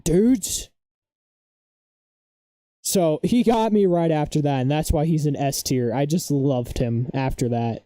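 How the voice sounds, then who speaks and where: Young man, streamer, very dark mellow voice, dry close sound, excitable, rambling, opinionated. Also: a little high, slow pace, pauses often, no room sound. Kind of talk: casual live-stream chat.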